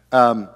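In a church sanctuary with big-room acoustics, a man in his fifties delivers a sermon as pastor, his tone fairly bright. He keeps things conversational, tossing chatty asides to the congregation.

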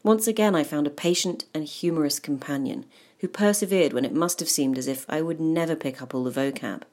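A woman's voice: deep voice, fairly quick, a little mellow. A woman narrating a personal memoir in a wry, self-deprecating way. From England.

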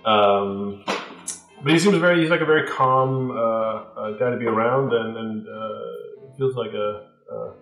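A man narrating a tabletop game as game master, with a halting delivery full of fillers. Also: medium pitch, a bit bright, reverberant, faint music behind, rough recording.

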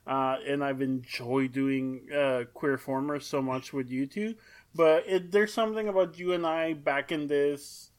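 A young adult woman co-hosts a podcast in easy, unscripted chat. She rambles, backs up and restarts her sentences, and fills the pauses with ums and uhs. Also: deep voice, darkish tone. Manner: rambling, filler-heavy, self-interrupting. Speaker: podcast co-host. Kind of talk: casual chat.

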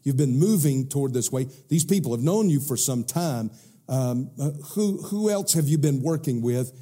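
A man's voice: medium pitch, animated, moderate pace, mellow, breathy edge. A middle-aged man with a Southern US accent preaching a sermon in an emphatic, conversational way, with rhetorical questions and repetition.

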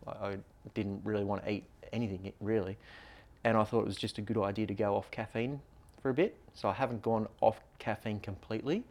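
A man's voice: fairly low pitch, fairly even intonation, fairly quick, a little mellow. A man co-hosting a podcast, explaining things in a loose, rambling, casual way. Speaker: podcast co-host.

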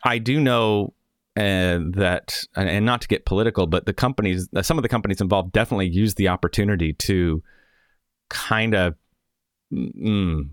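A man's voice: sits low, moderate pace, no echo, studio quality. A man hosting a podcast in casual chat, rambling and correcting himself as he goes. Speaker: podcast host.

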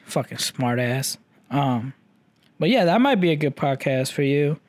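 A man's voice: mid-range voice, sing-song, measured pace, no echo. A young man with a slight Chinese-English accent giving a casual, rambling audio update, full of fillers and casual swearing. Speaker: vlogger.

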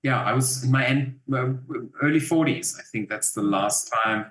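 This is a man in his fifties, an actor guest with a German accent, talking casually in an interview and wandering with fillers and false starts. His pitch is medium and a bit bright, his pace moderate, and the room echoes noticeably.

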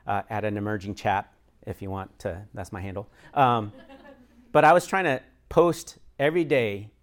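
A man who works as a chaplain and pastor, leading a church discussion in a conversational way, with frequent fillers and light laughs. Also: fairly low pitch. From United States.

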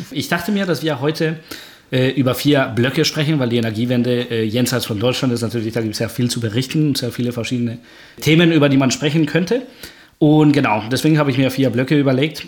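Guatemalan-born male researcher, podcast guest, measured and hesitant delivery, mid-pitched. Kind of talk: podcast interview.

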